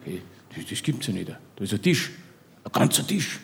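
A man's voice: lowish voice, very animated, normal speed, creaky, a little hiss or hum. Rambling Bavarian man telling a tale. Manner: rambling, chummy, keeps asking "gell?". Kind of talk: comic storytelling monologue.

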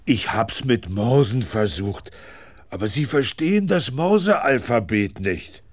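An actor playing a gentle, childlike talking elephant in a children's audio drama, speaking in a naive, plaintive way. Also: male voice, medium pitch, lively intonation, takes it slowly, no room sound, studio quality. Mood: sorry for himself.

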